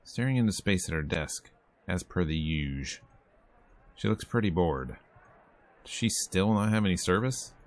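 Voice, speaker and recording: On stream, a man reads a game's text aloud at normal speed, pausing often, his low voice expressive as he jokes and acts out the lines. Behind him, visual novel music and character voices play.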